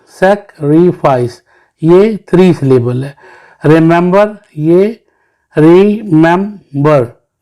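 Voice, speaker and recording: A man's voice: a little high, dark tone. A man teaching children English, patiently sounding out words syllable by syllable. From Pakistan. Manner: mixes English terms into Hindi-Urdu explanation. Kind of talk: recorded English lesson for children.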